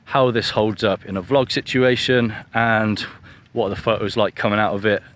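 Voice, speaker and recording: A man in his thirties from England, a photography vlogger, talks casually to camera on an open beach at sunset, relaxed, chatty and somewhat self-deprecating. His voice is fairly low and his pace moderate. A camera-mounted mic held at arm's length picks up faint outdoor noise.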